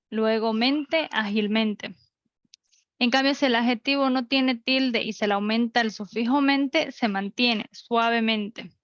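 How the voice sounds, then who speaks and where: A woman's voice: a little high, dry recording, muffled recording. A woman teaching an online class, explaining rules step by step with examples. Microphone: computer mic.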